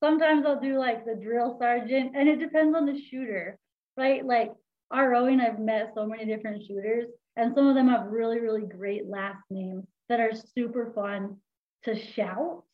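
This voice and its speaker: A woman's voice: a little high, steady tone, normal speed, phone-quality sound. A woman who works as a range officer, chatting in a playful, self-deprecating way. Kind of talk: casual chat.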